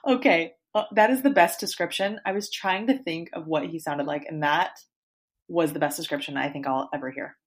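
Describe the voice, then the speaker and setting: A woman's voice: deep voice, a little fast. A woman co-hosting a podcast, chatting casually and acting out quotes with animation. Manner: animated, acts out quotes from the show. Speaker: podcast co-host. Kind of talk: casual chat about a reality show.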